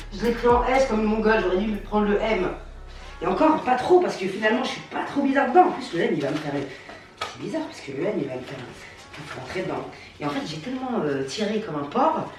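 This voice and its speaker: A young woman in a casual clothing haul chat at home, gushing and slangy, swinging into mock outrage. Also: lowish voice. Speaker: fashion vlogger. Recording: echoey room, mic at a distance, faint music.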